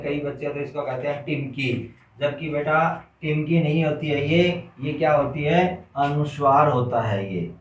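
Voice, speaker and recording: A man teaches children a grammar lesson at an unhurried pace, posing questions and answering them himself. His voice sits a little high for a man. The sound is roomy and distant from the mic. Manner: slow, repetitive question-and-answer drilling, addresses children as "beta". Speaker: Hindi teacher.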